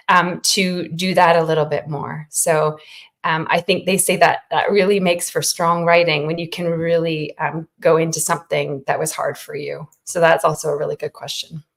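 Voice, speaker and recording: With a low, creaky voice, a middle-aged children's author talks conversationally as an interview guest. Her answers to the questions are thoughtful and encouraging.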